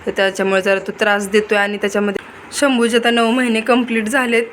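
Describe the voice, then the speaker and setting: A woman's voice: on the high side, completely flat delivery, quick pace, fairly bright tone. A young woman, chatting casually to the camera in a home vlog as she looks after her children. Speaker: vlogger. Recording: noisy home recording.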